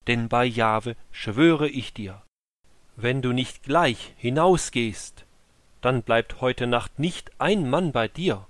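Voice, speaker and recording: A man's voice: medium pitch, takes it slowly, dry recording, natural voice. A man voicing a stern army commander. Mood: reproachful. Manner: forceful, reproachful. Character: stern male army commander rebuking his king.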